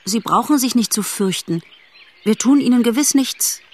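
Eager young buck fawn, high and wide-eyed, put on by a woman narrator, slightly husky. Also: animated, moderate pace. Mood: polite. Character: eager young male fawn, curious and polite. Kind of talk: storybook character voice in an audiobook.

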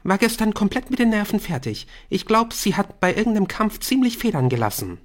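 A man's voice: high voice, very animated, a little fast, pitched above the performer's own voice. Bryn, a man putting on a clingy teenage girl. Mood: gossipy.

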